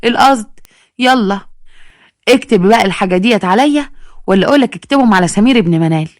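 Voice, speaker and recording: A woman voicing a loud, battered Egyptian wife who wails, bargains and drops folk sayings. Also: mid-range voice, lively intonation, fast talker, no echo, clean studio sound, lightly acted. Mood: complaining, wailing. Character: battered chatty local wife, loud and complaining.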